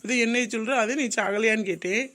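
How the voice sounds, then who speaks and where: A woman's voice: on the high side, fairly quick, fairly bright tone, close to an everyday voice. A woman voicing a greedy, gossipy neighbor in a cartoon comedy. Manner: gossipy, scheming.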